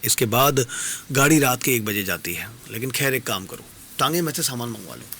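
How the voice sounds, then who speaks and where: A man's voice: medium pitch, lively intonation, fairly quick, bright, forceful tone, a little hiss or hum. Man doing a nervous guilty guy, keeps apologizing, talks in a rush. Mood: pleading. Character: flustered, guilt-ridden male guest.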